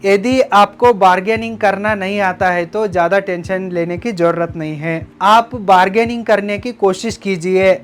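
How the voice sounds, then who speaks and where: A man's voice: high-pitched, fairly even intonation, normal speed, few pauses, clear, resonant tone. A man narrating a business lesson, giving step-by-step tips in an instructive way and addressing viewers as friends. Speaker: business educator. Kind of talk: scripted narration.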